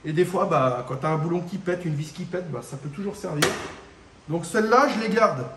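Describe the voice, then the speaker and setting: A man's voice: a little high, a little fast, roomy sound, noisy background. A man doing a casual workshop vlog about a car repair, speaking straight to the viewer in slangy, casual speech and swearing when things go wrong. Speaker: home mechanic showing a car repair. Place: garage workshop.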